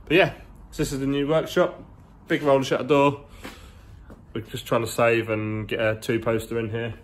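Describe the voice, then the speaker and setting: A man's voice: mid-range voice, little pitch movement, moderate pace. A man in his twenties chatting casually on a vlog while walking through a big garage workshop. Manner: chatty, rambling, slangy. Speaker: car vlogger. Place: large indoor garage workshop. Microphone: phone held at arm's length.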